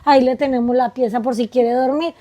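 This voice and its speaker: As a guest in a reflective conversation, a woman from Colombia speaks in a high, mellow voice with a steady tone. She muses spiritually, offering quick asides and tagging rhetorical questions onto her points.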